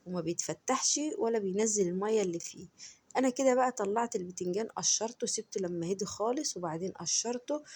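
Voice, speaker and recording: Egyptian woman, cooking host, quick and slightly husky, chatty and warm with her viewers. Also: mid-range voice. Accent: Egyptian Arabic. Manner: chatty, addresses viewers directly as friends, enthusiastic food praise. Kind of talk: home cooking tutorial voice-over.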